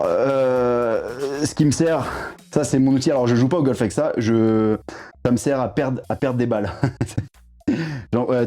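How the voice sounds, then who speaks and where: A man's voice: mid-range voice, warm tone. A young man, chatting casually through a tour of his home garage gym, full of fillers and restarts. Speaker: CrossFit athlete showing his home gym.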